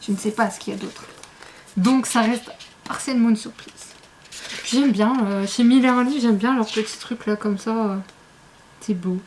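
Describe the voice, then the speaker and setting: Brief: woman vlogger with a higher voice, casual and rambling, gushes over little gifts. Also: normal speed, a little hiss or hum. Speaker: book vlogger. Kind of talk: casual unboxing chat.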